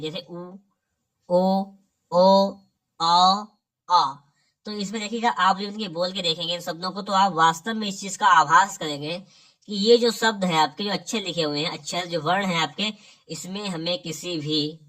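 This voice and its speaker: A man's voice: sits high, sharp tone, far from the mic. A man teaching an exam-prep lesson who keeps quizzing his students and saying "theek hai" after each point. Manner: quizzes the listener, repeats "ठीक है".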